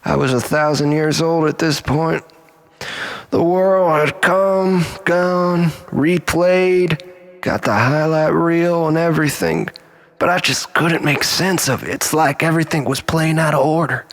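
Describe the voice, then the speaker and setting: A male storyteller performs a dramatic, confessional spoken-word monologue, brooding and theatrical. His fairly high, slightly bright voice is creaky and often sinks into breathy near-whispers.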